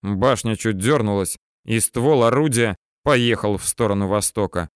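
A man's voice: on the low side, moderate pace, smooth, no echo, clean studio sound. Man narrating a tense war audiobook.

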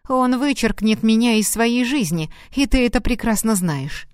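A woman's voice: on the high side, animated, normal speed, dry recording, close to an everyday voice. Woman doing a nervous middle-aged son, whiny and defensive, dry close sound. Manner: pleading, defensive. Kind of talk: audiobook reading.

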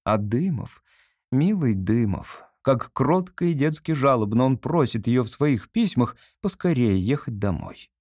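A man reads a classic story aloud in a measured, expressive way. His voice sits at an ordinary middle pitch. The recording is close and dry, with no room sound. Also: no echo. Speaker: audiobook reader. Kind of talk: scripted literary narration.

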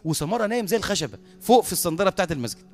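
An Egyptian man preaching a sermon as a lively storyteller who often laughs at his own tale. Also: high-pitched, racing.

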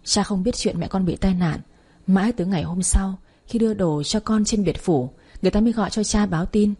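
Woman reading as a sad dad explaining everything slowly, husky dark voice, audio story. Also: medium pitch, lightly acted. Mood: grave. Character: grieving father telling hard news.

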